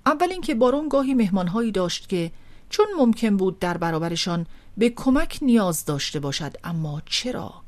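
A woman narrating a literary audiobook in a measured, expressive reading. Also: on the low side.

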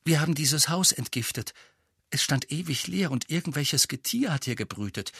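A man's voice: a little high, animated, moderate pace, creaky, fairly bright tone, husky, no room sound, studio quality, voice pushed up, exaggerated voice. A man voicing an anxious teenage girl witch in a storybook reading, hasty and apologetic.

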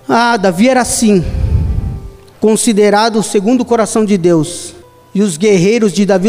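High-voiced Brazilian evangelist preaching. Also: male voice. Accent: Brazilian Portuguese. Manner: emphatic, repetitive, addresses listeners as "querido". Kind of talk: sermon. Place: church. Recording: church reverb, soft music behind.

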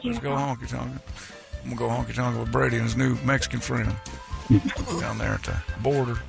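A man voicing a cranky, forgetful, rambling very old man in a gravelly voice for radio comedy. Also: medium pitch, level tone, quick pace. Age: very old (played). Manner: grumpy, rambling, domineering. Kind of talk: improvised radio comedy impression. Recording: loud music behind.

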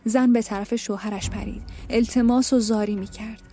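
A woman narrating an audiobook, reading a novel in an even, measured, subdued way over soft music. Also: a little high.

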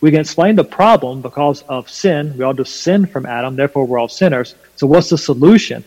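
A man with a Southern US accent and a slight twang, explaining his faith emphatically and deliberately in a preaching style during a conversation. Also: fairly high pitch, darkish tone. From North Carolina, USA. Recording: long hall reverb.

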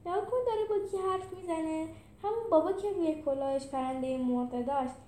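A woman's voice: very high-pitched, warm tone, echoey room, a little hiss or hum, voice pushed up. A woman voicing a bold, impatient young male animal hero in a children's story. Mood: wary.

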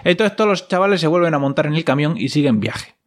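A man's voice: on the high side, animated, quick pace. A young man, recapping a series casually with wry, ironic asides. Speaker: host.

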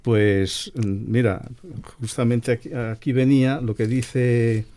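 A man's voice: medium pitch, fairly even intonation, slow, mellow. A middle-aged man, a painter and guest on a radio panel, talking hesitantly with many restarts.

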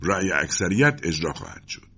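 A man's voice: deep voice, very animated, fairly bright tone, slightly rough, dull audio, voice pushed up, heavily acted. A man voicing a stern, harsh older judge in a storybook reading. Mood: commanding. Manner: harsh, commanding.

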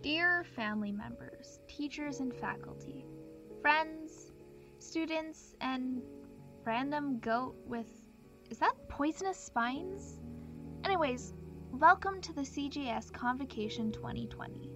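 A woman's voice: high voice, animated, takes it slowly. A woman playing a smug, inhuman female cult leader giving a mock-sweet valedictorian speech, heard as if played from a cassette tape. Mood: mock formal. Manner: chirpy, mock-sweet, sarcastic asides. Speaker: stand-in valedictorian. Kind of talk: fan audio drama acting. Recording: dull lo-fi tape with faint music.

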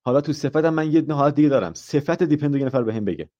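A man's voice: fairly high pitch, expressive. Guy teaching ielts live, kinda dull muffled stream audio, quizzes the class, tosses in english examples. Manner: asks the class questions and explains step by step; mixes English example phrases into his explanations. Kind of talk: live online grammar lesson.

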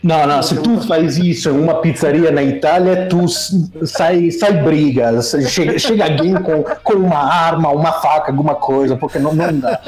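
A man's voice: a little high, normal speed, few pauses, roomy sound, music in the background. A man from Italy with an Italian accent, telling stories casually in an interview and often restarting his sentences. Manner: rambling, self-correcting storyteller. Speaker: streamer guest.

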